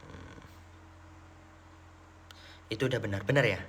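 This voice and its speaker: A man's voice: fairly low pitch, a little slow, a bit bright, a little hiss or hum. A young man from Mecca chatting casually on a live stream, answering viewers' questions and switching between languages. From Mecca, Saudi Arabia.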